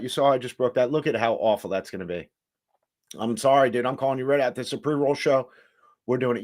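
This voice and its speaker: A man's voice: lowish voice, a bit bright. A man hosting a casual home livestream, rambling and stop-start as he greets viewers in the chat. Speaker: livestream host reviewing cannabis.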